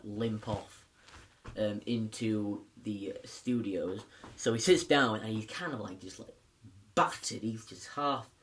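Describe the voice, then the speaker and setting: A man's voice: mid-range voice, a bit bright, slight background noise. A man casually reviewing a film, rambling with lots of fillers and restarts.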